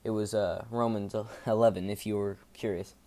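Monotone man with a low, mellow voice. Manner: informal, rambling, halting self-corrections. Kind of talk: casual devotional podcast talk.

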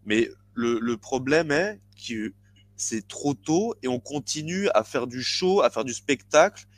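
A man co-hosting a podcast, chatting casually and haltingly with frequent restarts and fillers. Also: medium pitch, expressive, no echo. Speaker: podcast co-host. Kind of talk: casual chat about boxing.

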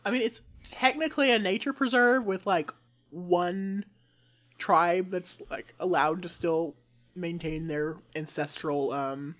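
A woman's voice: on the low side, a little slow. A woman narrating as game master in a tabletop game, teasing her players, laughing often and stopping for filler words.

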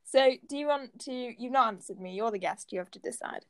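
A woman's voice: fairly high pitch, a little fast, no room sound. A woman hosting a casual podcast chat, playful and teasing, laughing often. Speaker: podcast host.

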